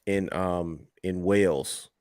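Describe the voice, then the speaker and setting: Low male co-host, loose and excitable, dry close sound. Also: slow, dry recording. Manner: animated, loose, laughs loudly, trails off mid-sentence. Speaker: podcast co-host. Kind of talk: casual late-night wrestling chat.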